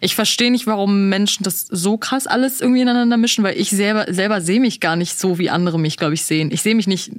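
A woman's voice: mid-range voice, fast, few pauses, no room sound, studio quality. Young woman chatting in casual slang. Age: young adult. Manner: slangy, mixes in English phrases. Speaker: podcast guest, comedy creator. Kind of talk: casual chat.

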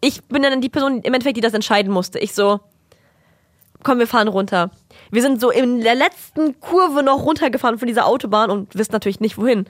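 A young woman co-hosting a podcast talks quickly in a fairly high voice, barely pausing, captured in clean studio sound with no room echo. In casual chat she tells a long, animated story, acting out family members' lines and mixing in English words.

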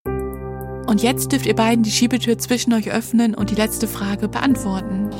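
A woman hosting a podcast, reading scripted narration in a calm, measured way. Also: fairly high pitch. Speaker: podcast host. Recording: music bed under voice.

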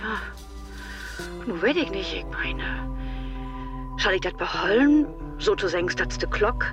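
A woman's voice: medium pitch, animated, unhurried, muffled recording, music in the background. An actress playing a fussy, suspicious older mother who speaks in a film drama. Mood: fretting. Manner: gossipy, fretting.

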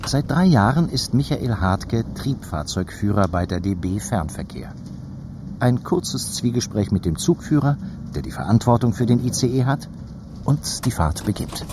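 A man's voice: medium pitch, sing-song, moderate pace, background noise. A man reading scripted documentary narration as a radio feature reporter.

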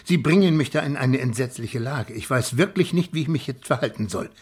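Fussy posh shopkeeper, husky mid voice, super formal and wordy, radio comedy. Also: male voice, medium pitch, animated, brisk. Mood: indignant, flustered. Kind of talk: German radio crime comedy acting.

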